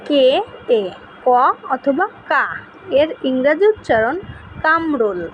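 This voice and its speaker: A woman teaching a pronunciation lesson, reading out letter pairs and example words one by one in a slow, deliberate way. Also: high-pitched, highs cut off, a little hiss or hum.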